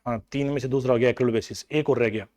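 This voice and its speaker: A man's voice: medium pitch, fairly even intonation, fairly quick, darkish tone. Man coaxing a class of students. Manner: coaxing students to recall answers; everyday household examples, mixing in English terms. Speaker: accounting teacher. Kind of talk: classroom lecture.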